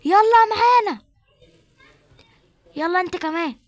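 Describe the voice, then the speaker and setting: A woman's voice: extremely high pitch, fast talker, dry recording, pitched above the performer's own voice. Stern Egyptian police officer, voiced by a woman, barks commands. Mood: commanding. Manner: commanding, barking orders. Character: stern male police officer making an arrest.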